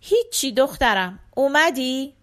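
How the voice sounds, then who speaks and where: A woman reading the lines of a gentle, tired father who answers his daughter in short, hesitant replies in an audiobook. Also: high voice, lively intonation, voice pushed up. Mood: subdued. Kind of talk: audiobook character voice.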